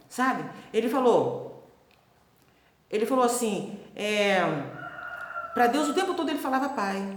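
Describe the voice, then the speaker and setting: High-voiced woman preaching, echoey room. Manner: chatty, keeps checking in with listeners; acts out quoted voices. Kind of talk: casual Bible teaching.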